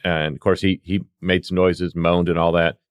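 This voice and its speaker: His voice is deep and clean, delivered at a normal speed. As a podcast guest with years in EMS, the middle-aged man spins casual anecdotes, acting out the conversations in lively fashion.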